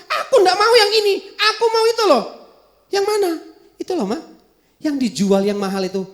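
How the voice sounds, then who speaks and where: A man voicing a demanding young child, whining and shouting. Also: high-pitched, sing-song, brisk, voice pushed down. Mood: whiny.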